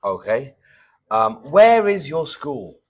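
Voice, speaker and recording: A man's voice: mid-range voice, sing-song, slow pace, a little mellow. A man acting as examiner in a mock English speaking test, asking simple questions and patiently repeating and rephrasing them. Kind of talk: mock oral exam questions.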